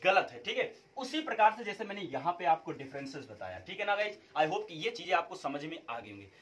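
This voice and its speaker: Male English teacher, fairly high voice, walks students through each point and quizzes them. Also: very animated, fairly quick, a bit bright. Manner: explains step by step, asks students questions and answers them himself. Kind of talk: classroom-style video lesson.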